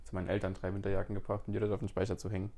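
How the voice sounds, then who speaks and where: A man's voice: low voice, completely flat delivery, rapid-fire, warm tone. A man in his mid-twenties co-hosting a podcast, chatting casually and stumbling over his words. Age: 20s. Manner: hesitant, repeats words. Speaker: podcast co-host. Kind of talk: casual chat.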